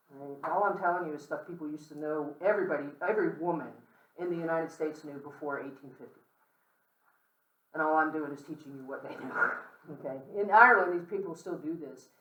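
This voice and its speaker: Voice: medium pitch, a bit bright. A guest speaker giving an informal, candid lecture to a campus audience, talking conversationally and often checking in with "okay?". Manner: candid, with asides and light humor. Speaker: guest speaker on death and dying. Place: large room with an audience. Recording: roomy echo, speaker far from the mic.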